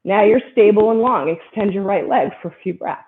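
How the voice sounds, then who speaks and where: A woman leading a yoga class, giving a steady stream of short, encouraging cues about posture and breath. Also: medium pitch, fairly quick, slight background noise. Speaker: yoga instructor. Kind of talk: guided yoga class instruction. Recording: tinny phone-like sound.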